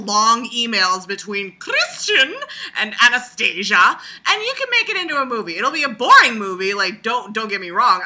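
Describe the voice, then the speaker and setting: A video blogger with a voice on the high side gives casual, rambling commentary. She is animated and sarcastic, with crude humor and lots of swearing.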